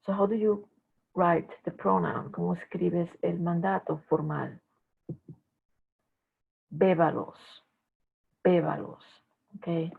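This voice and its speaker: A woman teaching a language class in a recorded lecture, explaining slowly with frequent filler pauses. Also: lowish voice, steady tone, creaky, slightly rough. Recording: tinny phone-like lo-fi audio.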